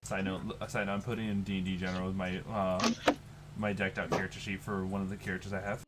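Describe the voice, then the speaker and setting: A man's voice: low voice, level tone, fast, fairly bright tone. A man narrating a tabletop role-playing game as its game master. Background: music.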